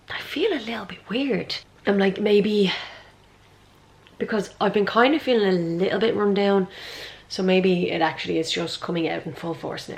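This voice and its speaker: A woman's voice: medium pitch, gravelly. Sniffly Irish woman chatting to camera. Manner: chatty, self-mocking asides. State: sniffly and under the weather. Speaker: vlogger. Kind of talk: casual chat to camera. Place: at home indoors.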